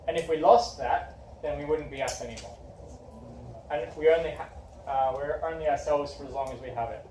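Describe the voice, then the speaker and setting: A man's voice: fairly high pitch, fairly quick, a little mellow. A young male teacher leading a classroom discussion, asking questions and encouraging his students. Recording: echoey room from far off, faint background noise.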